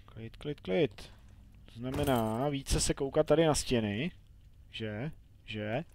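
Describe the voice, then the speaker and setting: A man's voice: mid-range voice, a little mellow, slight background noise. A young man giving chatty, playful commentary while playing a video game, talking to himself and the game. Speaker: let's play gamer. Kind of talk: casual gameplay commentary.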